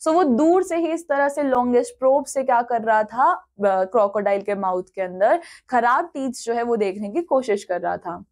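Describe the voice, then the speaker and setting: A woman's voice: fairly high pitch, normal speed, few pauses, a little mellow. A woman teacher explaining a textbook story line by line to children.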